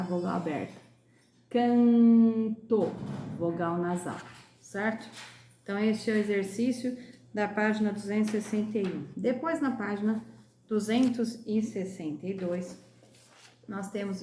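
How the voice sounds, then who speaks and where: A woman from Brazil teaching young pupils in a recorded class lesson, sounding out words slowly and clearly. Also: medium pitch, darkish tone, roomy sound, a little hiss or hum. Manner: slow, clear, drawn-out pronunciation of sounds. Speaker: primary school teacher.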